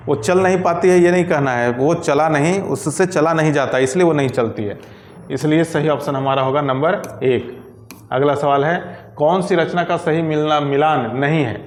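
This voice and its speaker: At a moderate pace, a man whose voice sits fairly high walks through each exam question of a Hindi grammar lesson, methodically voicing every right option. The room echo is noticeable.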